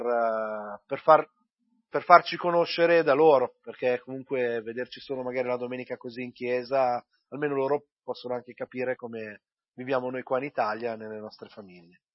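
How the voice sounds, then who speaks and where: A man preaching a church sermon, praying with many pauses and repeated addresses, then reading and explaining scripture. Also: mid-range voice, fairly even intonation, lo-fi sound. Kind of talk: sermon with prayer and Bible reading.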